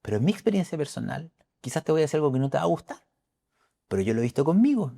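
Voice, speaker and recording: A man's voice: fairly high pitch, big pitch swings, very fast, gravelly, mellow. A middle-aged man giving an astrology forecast talk, emphatic and preacherly, repeating key phrases.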